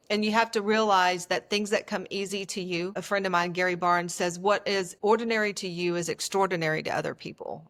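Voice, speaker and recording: A woman with a medium-pitched voice speaks as a coach being interviewed. She talks earnestly and emphatically, laying out her points in short statements and lists, in a conversational storytelling way. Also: a bit bright. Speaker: etiquette coach.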